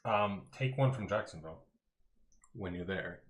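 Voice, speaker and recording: A man's voice: deep voice, expressive, a little slow. A man in his mid-twenties playing a board game, chiming in with tips and short agreements in casual chat. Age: 20s. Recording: echoey room.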